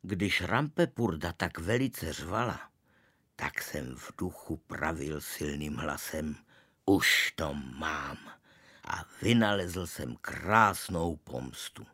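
A man narrating a children's story in the first person, in a deadpan storytelling manner. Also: sits low, dry recording, studio quality.

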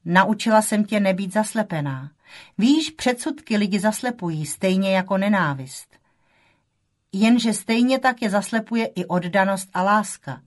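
A woman's voice: mid-range voice, expressive, natural voice. A woman voicing a wry, proud mother who speaks earnestly to her grown daughter in an audiobook.

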